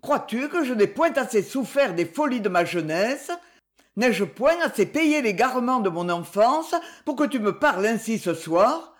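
A woman's voice: fairly high pitch, sing-song, unhurried, few pauses. A woman reading an audiobook, voicing a proud, desperate young woman who pleads with her rich father. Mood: indignant. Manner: pleading, raised and emotional.

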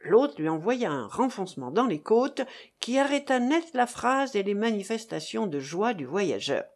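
Woman audiobook narrator, measured, expressive, lively pitch. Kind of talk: scripted narration.

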